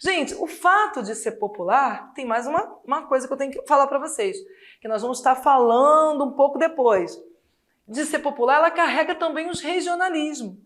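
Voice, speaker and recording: Chatty high-voiced woman teaching a class. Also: normal speed. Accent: Brazilian Portuguese. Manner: lively, chatty explaining with rhetorical questions. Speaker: Portuguese teacher. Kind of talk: exam-prep lesson.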